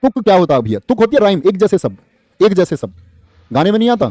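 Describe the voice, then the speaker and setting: A man's voice: high voice, very animated, quick pace, dark tone, dry recording. A man teaches grammar in a live online class, quizzing his students and reading out their comments. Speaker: Hindi exam-prep teacher.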